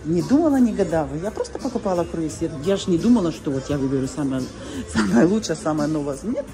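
An older woman vlogging on a handheld camera as she walks through a large indoor ship atrium and shopping halls, exclaiming excitedly at everything she sees. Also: deep voice, fast talker. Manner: excited, gushing, exclaims often. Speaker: vlogger touring a cruise ship. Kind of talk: casual walking vlog narration. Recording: busy public space with music and crowd. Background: music and crowd chatter.

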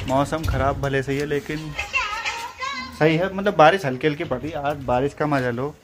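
A man's voice: fairly high pitch, normal speed. A man filming a casual family vlog, chatting to the viewer and pointing things out as he walks outside in the rain and then gets home. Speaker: family vlogger, father. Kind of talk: casual vlog narration to camera. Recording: noisy phone recording.

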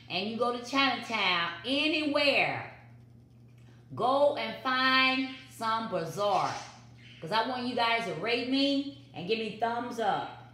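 A woman's voice: mid-range voice, sharp tone. Chatty woman vlogging in an echoey kitchen. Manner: chatty, repeats catchphrases to viewers. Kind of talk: casual home cooking vlog. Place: home kitchen. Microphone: built-in phone mic on the counter.

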